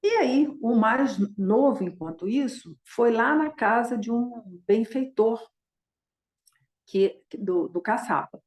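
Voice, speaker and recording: A woman's voice: on the high side, expressive, takes it slowly, a little mellow, echoey room. A woman dharma teacher retelling a Buddhist story in a conversational way, constantly adding short tag questions.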